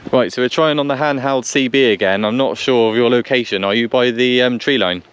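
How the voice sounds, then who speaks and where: Testing two-way radios on a country lane, a vlogger offers running commentary and radio calls, repeating himself while thinking aloud. His medium-pitched voice is clear, resonant, a bit bright and slightly quick, though the audio is dull and noisy with vehicle sounds.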